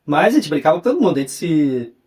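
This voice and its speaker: Speaking quickly in a slightly high voice, a young Carioca man from Rio de Janeiro chats about his memories as a podcast guest. He works as a journalist and writer, comes across as a relaxed storyteller, and frequently closes phrases with "né" as a question.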